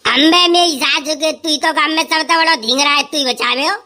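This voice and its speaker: A woman performing a village comedy sketch, talking loud and bantering. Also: high voice, a little fast.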